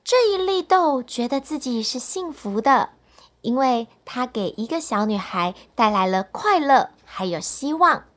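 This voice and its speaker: A woman narrating a children's bedtime story with a high, very lively voice. Her pitch swoops up and down expressively, and she speaks to the young listeners directly, in the manner of a storybook reader. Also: a little slow.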